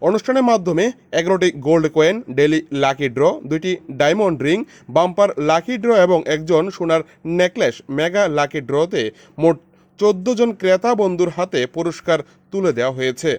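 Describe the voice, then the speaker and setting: High-voiced male news narrator, dry sound. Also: fairly quick, a little mellow, no room sound. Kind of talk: scripted news report narration.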